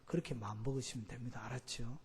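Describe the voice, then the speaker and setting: A pastor preaching a sermon, constantly filling with the same filler word and questioning the congregation. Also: male voice, mid-range voice, fairly even intonation, fast talker, a little hiss or hum. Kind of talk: sermon teaching. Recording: long church hall reverb.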